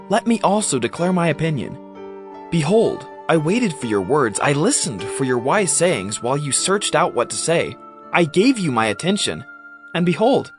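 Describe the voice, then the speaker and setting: In a dramatized scripture reading, an actor with a slightly high voice plays a fervent, indignant young man rebuking his elders. His delivery is declamatory and insistent.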